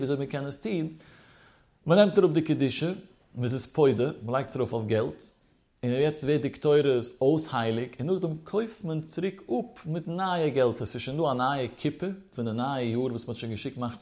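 A religious teacher leads a Talmud study lesson, his medium-pitched, darkish voice expressive and moderately paced. He works through the material step by step, posing rhetorical questions and weaving in Hebrew study terms.

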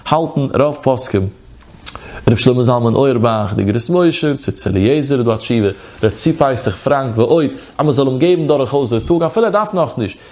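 A man with a Yiddish accent gives a Torah lecture on the law of fasting on Yom Kippur. He chants in a sing-song study cadence, and his voice is on the high side with a darkish tone.

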